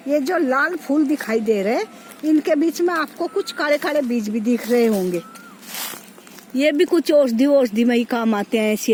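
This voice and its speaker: A woman's voice: high-pitched, warm tone, low-quality recording. A woman, chatting casually to viewers while walking around her farm and pointing things out, recorded on a phone outdoors. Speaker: village vlogger. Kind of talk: casual walking tour vlog. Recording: faint outdoor noise.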